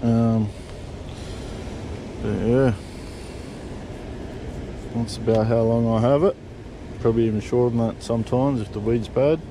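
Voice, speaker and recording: A man's voice: mid-range voice, background noise. Laid-back swearing Australian man. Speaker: fishing vlogger. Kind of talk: casual how-to chat. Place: back of a parked vehicle outdoors. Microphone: point-of-view body camera.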